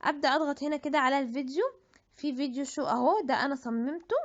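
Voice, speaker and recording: Egyptian woman walking thru an app tutorial, quick and high, kinda dull lo-fi sound. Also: fairly even intonation. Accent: Egyptian Arabic. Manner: chatty, thinks aloud with restarts. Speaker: tutorial presenter. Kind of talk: screen-recorded app tutorial. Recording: dull lo-fi audio.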